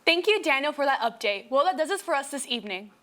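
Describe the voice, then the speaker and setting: A woman's voice: high voice, animated, fast, a bit bright. A young woman reading scripted news as a student co-anchor in a mock newscast.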